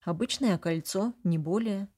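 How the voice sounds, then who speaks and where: A woman's voice: mid-range voice, unhurried, darkish tone. Woman narrating a fantasy audiobook.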